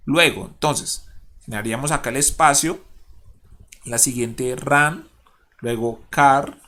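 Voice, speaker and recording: A man's voice: mid-range voice, bright, forceful tone. A male schoolteacher with a Colombian accent, recording an online lesson for his pupils. He talks patiently, asks the class questions and counts syllables aloud. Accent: Colombian Spanish.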